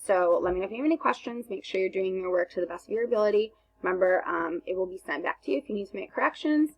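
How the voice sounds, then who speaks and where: Husky-voiced woman teacher talking through a lesson. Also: medium pitch, lively intonation, very fast, rough recording. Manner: explains step by step, many "um"s and "so"s. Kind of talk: recorded remote lesson walkthrough.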